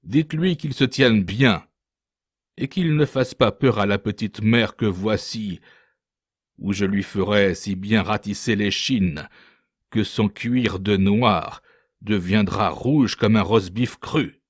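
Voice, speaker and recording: A man doing a harsh one-handed ship captain, loud and menacing, low slow voice, dry close sound, storybook reading. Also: breathy edge, no room sound. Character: brutal one-handed male sea captain, threatening.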